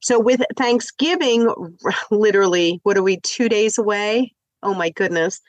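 Stuffy from the flu, a woman hosts a live home-improvement radio show from the studio, bubbly and upbeat, chatting away with fillers. Her voice is medium-pitched and a little slow, and the recording is dry.

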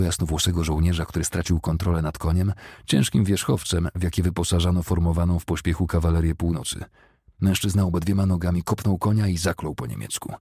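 A man narrating a novel as an audiobook, in a steady, measured storytelling manner. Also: low voice, creaky, breathy edge, dry recording, clean studio sound.

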